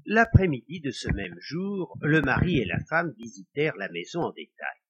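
A man tells a folk tale with an expressive, dramatic delivery. His voice is bright, slightly husky and very lively in pitch, in a dull lo-fi recording. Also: moderate pace. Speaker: storyteller. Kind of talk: scripted narration of a folk tale.

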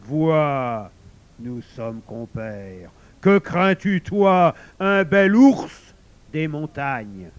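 Man doing a rough, mocking wolf. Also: fairly high pitch, sing-song, extremely slow, no echo, exaggerated voice. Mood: boisterous, mocking. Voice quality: loud, rough, jeering. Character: sly boastful male werewolf, hungry and mocking. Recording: dull lo-fi recording.

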